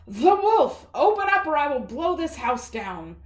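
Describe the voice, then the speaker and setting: A woman voicing a hungry, somewhat bad male wolf who makes loud, blustering demands. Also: sits high, big pitch swings, a little slow, voice pushed up. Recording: echoey room.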